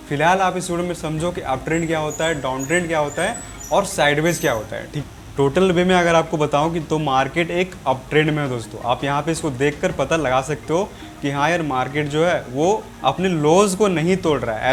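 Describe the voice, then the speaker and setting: A man with a sore throat teaching market trends over a chart, often checking in with "okay" and addressing his viewers as friends. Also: fairly high pitch. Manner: repetitive, keeps saying "okay" and "friends". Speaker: trading teacher. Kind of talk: explaining a chart on screen.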